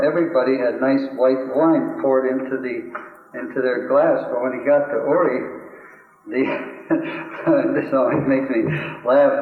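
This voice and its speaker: A man lecturing in an amused, storytelling way, his pitch sitting in an ordinary middle range. The recording is roomy and echoey, with a dull, lo-fi sound. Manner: wry storyteller, chuckles at his own stories. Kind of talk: anecdotal lecture to an audience.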